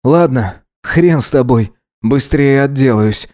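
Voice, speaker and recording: A man's voice: medium pitch, darkish tone, dry recording, clean studio sound, natural voice. A man voicing a prickly, broke young male student who snaps and throws insults in an audiobook drama. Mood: grudging, annoyed. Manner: snappish, indignant, quick to insult.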